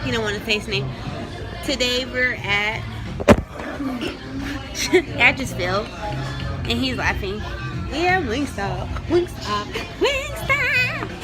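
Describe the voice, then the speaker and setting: A woman vlogging in a giggly, slangy, chatty way, with loud music and crowd noise behind her. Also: a little high, measured pace, pauses often. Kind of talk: casual vlog chat.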